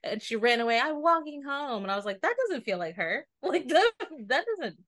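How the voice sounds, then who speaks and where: A woman's voice: high voice, very animated, normal speed, fairly bright tone. A woman co-hosting a podcast, chatting casually about movies with enthusiasm and frequent laughter. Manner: enthusiastic, laughs often, quotes characters. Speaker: podcast co-host. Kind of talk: casual chat reviewing movies.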